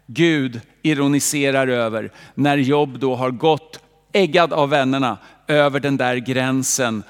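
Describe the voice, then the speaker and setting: A man preaching a sermon in a church, lively and direct, with rhetorical questions aimed at the congregation. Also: mid-range voice. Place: church hall. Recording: long reverb of a church hall.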